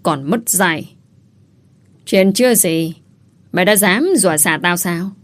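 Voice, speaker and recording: A fiery young mistress of a wealthy house who answers insults with sharp threats, read by a woman narrator. Her voice sits low and her words come out hard and combative in a storybook. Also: measured pace, natural voice. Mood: angry.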